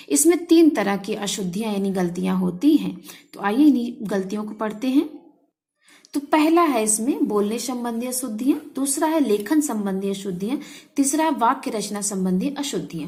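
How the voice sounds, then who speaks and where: A woman's voice: a little high, a little mellow. Patient woman teacher explaining to children. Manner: patient, repeats each point in simpler words. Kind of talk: explaining a grammar lesson to children.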